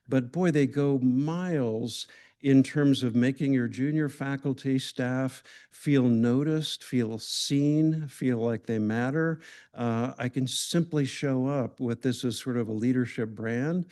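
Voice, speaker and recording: A man's voice: medium pitch, warm tone. A man giving a conversational, engaging lecture to a hospital audience, often asking the room questions. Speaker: grand rounds speaker.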